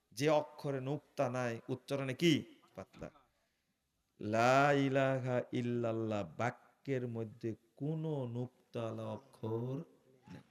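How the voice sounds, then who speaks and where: A man preaching an Islamic sermon, putting questions to the audience and answering them himself, swinging between loud emphatic peaks and quiet low asides.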